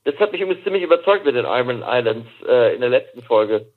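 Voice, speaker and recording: A man co-hosting a casual podcast chat about a series, heard over a low quality stream. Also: lively intonation, fast, phone-quality sound. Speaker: podcast co-host.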